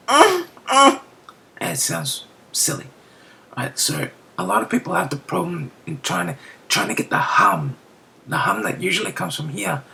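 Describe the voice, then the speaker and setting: A beatbox tutor casually explaining a technique step by step, often checking in with "right?" and dropping into soft whispered asides. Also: medium pitch, vocal fry, slight background noise.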